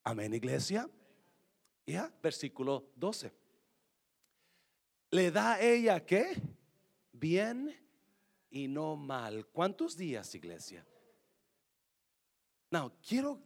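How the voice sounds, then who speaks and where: A man's voice: fairly high pitch, wildly swooping pitch, normal speed, a little mellow, husky. A man preaching a sermon, emphatic and calling out to the congregation. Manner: emphatic, addresses the congregation directly. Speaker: pastor.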